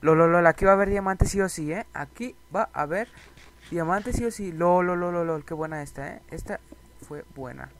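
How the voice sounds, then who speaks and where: A young man giving excitable, repetitive commentary over a Minecraft challenge and talking straight to his viewers. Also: high-pitched, moderate pace. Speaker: gaming youtuber.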